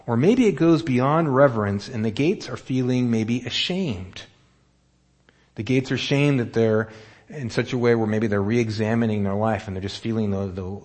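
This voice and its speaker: A man's voice: lowish voice, moderate pace, darkish tone. A man preaching a sermon in a casual, conversational way, asking his listeners questions as he goes. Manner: conversational, asks the room questions. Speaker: pastor.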